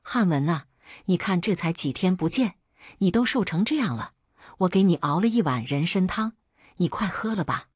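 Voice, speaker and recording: A woman's voice: lowish voice, animated, normal speed, slightly rough, no echo, clean studio sound. A woman voicing a jealous, scheming young concubine who shifts from sweet coaxing to cold sneers. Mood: tender. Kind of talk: storytelling voice acting.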